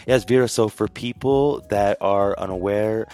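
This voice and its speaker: A man with a slightly low voice hosts an interview show. His delivery is casual and conversational, with light music underneath. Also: measured pace, darkish tone.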